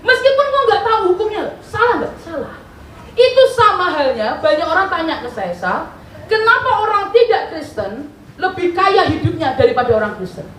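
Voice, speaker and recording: A high-voiced woman preaches with animated storytelling, throwing questions to the congregation and answering them herself. The sound is roomy and echoey, with the mic some distance away and a faint hiss underneath. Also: normal speed. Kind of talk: sermon.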